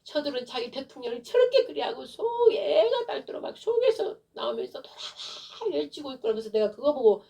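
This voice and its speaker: A woman's voice: high voice, big pitch swings, fast talker, creaky, hardly any pauses, warm tone, far from the mic. A woman pastor delivering a fervent, impassioned sermon that swells into emotional prayer. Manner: fervent, rising into wailing prayer.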